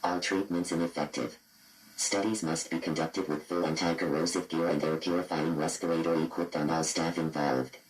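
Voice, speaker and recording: This rough recording has a man speaking low at a normal speed, his tone level and close to everyday speech. He voices a cold, clinical computer system delivering horror patient files in clipped, impassive fragments as a scripted database readout.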